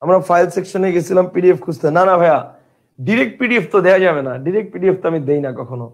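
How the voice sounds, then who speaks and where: A man's voice: high-pitched, very fast. A man teaching an online grammar class, who repeats his questions and keeps asking whether the students understand. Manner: reads out viewer comments and replies.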